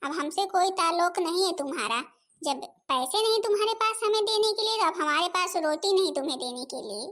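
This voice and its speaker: A woman playing a fiery, quarrelsome village mother, high voice. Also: expressive, a little fast, fairly bright tone. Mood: combative. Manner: combative, quarrelsome. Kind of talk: home-made cartoon voice acting.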